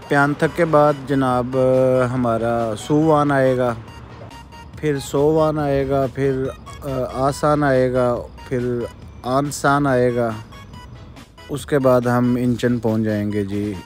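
A man's voice: medium pitch, slow pace, soft background music. Man vlogging from a car. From Pakistan. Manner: relaxed, polite, describing the road as he drives. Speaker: travel vlogger. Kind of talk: casual travel vlog narration. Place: in a car on a highway.

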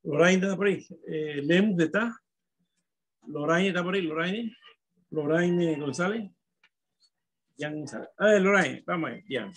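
Man, teacher, online class, slow and patient, gravelly, syllable by syllable. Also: fairly high pitch. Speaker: primary school teacher. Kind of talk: online class calling on pupils.

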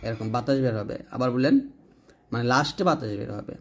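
A man teaching pronunciation of Arabic letters, patiently voicing each sound clearly and stressing it for learners to repeat. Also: medium pitch, steady tone, fast. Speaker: Quran recitation teacher. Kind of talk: step-by-step pronunciation lesson.

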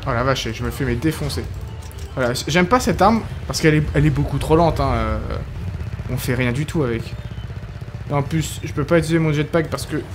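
A young man chatting excitedly and casually while commenting on his gameplay. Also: on the high side, fairly quick, noisy background. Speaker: gaming youtuber. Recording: voice over game music.

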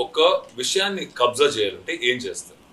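A man interviewing, playful and excitable, laughing often and mixing in jokes. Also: mid-range voice, rapid-fire, rough recording. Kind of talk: casual chat.

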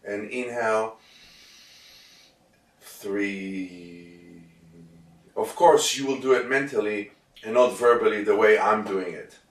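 Echoey man slowly guiding breath counting. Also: fairly low pitch, steady tone. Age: middle-aged. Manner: slow, measured breath-counting guidance with pauses. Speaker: meditation and Chi Kung instructor. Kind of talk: spoken instruction for breath meditation. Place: indoor studio with plain backdrop. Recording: roomy echo, distant microphone.

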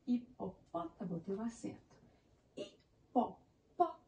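A primary school teacher with a slightly high, sing-song voice speaks at a measured pace, sounding creaky and mellow from a distant mic. In Brazilian Portuguese, she counts the syllables of animal names for young children, spelling each word out and encouraging them with praise along the way.

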